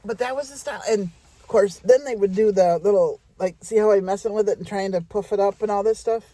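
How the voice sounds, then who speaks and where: A woman's voice: medium pitch, a little fast, mellow, dry recording. A middle-aged woman telling a rambling personal story in a chatty way, talking straight to her audience.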